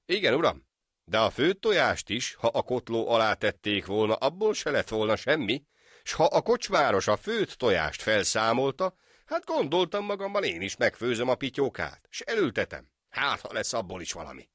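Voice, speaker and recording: A man voicing a clever, cheeky village friend in an animated folk tale, talking in a lively, sly and proud way. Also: low voice, no echo, studio quality.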